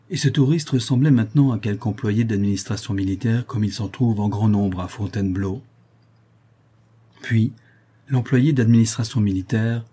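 A man narrating a novel in a measured, even storytelling manner. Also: on the low side, husky. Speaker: audiobook narrator.

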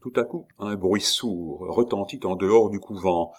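Slow, low-voiced male narrator. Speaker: audiobook narrator. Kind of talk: reading a historical novel aloud.

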